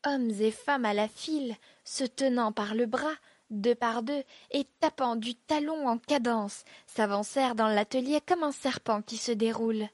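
A woman narrating a classic story in a measured, expressive reading. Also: on the high side, no echo. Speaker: audiobook narrator.

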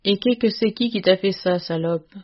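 A woman voicing a furious old peasant farm mother who scolds loudly in rural dialect. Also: mid-range voice, moderate pace, dull audio, natural voice. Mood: angry.

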